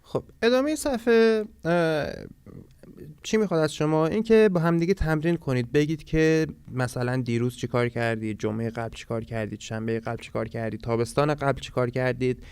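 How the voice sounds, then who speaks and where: A man teaching a language lesson from a textbook, reading foreign words slowly and explaining them step by step. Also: medium pitch, darkish tone, clear, resonant tone, no echo. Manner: explains step by step, reads Swedish words slowly then translates.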